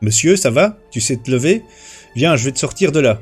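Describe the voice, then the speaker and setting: A man's voice: medium pitch, animated, a little fast, husky, soft background music. A man voicing a poor rural man who offers help but firmly asks for payment, in a plain, direct and polite way. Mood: matter-of-fact.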